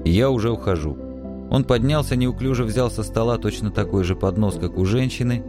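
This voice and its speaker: A man narrating a literary story as an audiobook, calm and measured. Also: fairly low pitch, music in the background.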